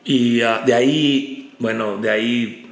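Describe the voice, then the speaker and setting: A man, a preacher guest on a podcast, telling a personal story in an animated way, often repeating words and acting out quotes. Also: medium pitch, takes it slowly. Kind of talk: casual storytelling chat. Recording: echoey room with faint background noise.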